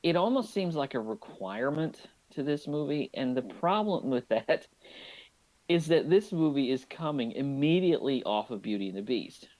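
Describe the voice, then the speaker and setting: A man co-hosting a movie podcast chats casually and enthusiastically about an animated film, often restarting his sentences. His pitch is medium and his pace moderate, in a low-quality recording.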